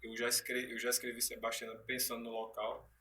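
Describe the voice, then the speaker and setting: A man's voice: mid-range voice, monotone, brisk, bright, forceful tone, a little hiss or hum. A man being interviewed as a guest actor, telling stories animatedly in casual chat with frequent restarts. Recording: distant from the mic.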